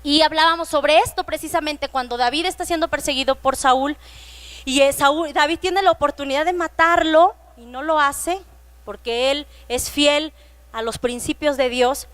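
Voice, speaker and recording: High-voiced Mexican woman preaching a sermon. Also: a bit bright. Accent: Mexican Spanish. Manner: reads scripture slowly and emphatically; acts out children's voices in retellings.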